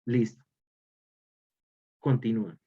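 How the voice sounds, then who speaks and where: A man's voice: on the low side, slow, slightly rough. A man teaching an online religious formation class, repeating key phrases for emphasis. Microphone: video call. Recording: dull lo-fi call audio.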